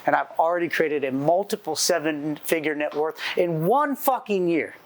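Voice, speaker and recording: A man's voice: a little high, moderate pace. Forties man, entrepreneur on stage, fiery profane storytelling. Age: 40s. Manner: intense, profane, storytelling with acted-out dialogue. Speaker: entrepreneur speaker. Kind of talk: motivational talk.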